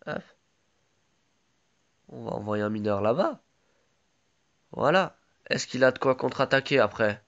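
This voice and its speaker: A man's voice: mid-range voice, lively intonation, unhurried, long pauses, dull audio. A man with a sore throat giving casual live commentary on his own game, chatty and full of gamer slang.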